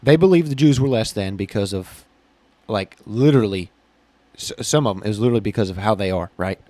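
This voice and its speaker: A man's voice: fairly low pitch, brisk, mellow, dry recording. Matter-of-fact male podcast co-host. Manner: matter-of-fact, explains with "literally" and "like". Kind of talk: casual debate chat. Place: small hot building.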